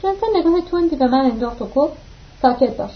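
A woman reading an audiobook aloud, narrating the story and voicing the dialogue lines with mild shifts of pitch. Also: expressive. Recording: muffled lo-fi recording.

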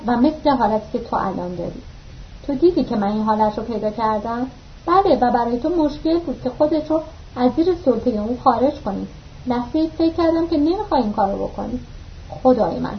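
A woman reading an audiobook aloud, narrating the story and voicing the dialogue lines with mild shifts of pitch. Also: lively intonation, a little hiss or hum. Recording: muffled lo-fi recording.

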